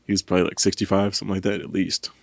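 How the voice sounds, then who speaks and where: On a podcast, a man tells a story in casual chat, animated and acting out what people said. His low voice is creaky and races along, with no echo in the recording.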